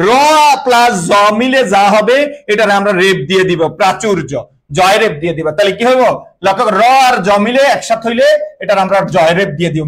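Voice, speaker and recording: A man's voice: high voice, fairly bright tone, rough recording. A young male teacher, giving an online class. He keeps asking his students questions and answering them himself, and he mixes English words into his speech.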